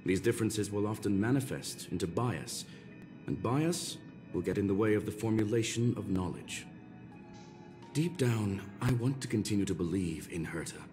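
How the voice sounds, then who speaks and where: The character is a courteous, rational robot scholar from a video game, voiced by a male actor in a fairly low pitch that stays close to an everyday voice. He sounds calm and regretful, and his diction is formal, measured, and precise.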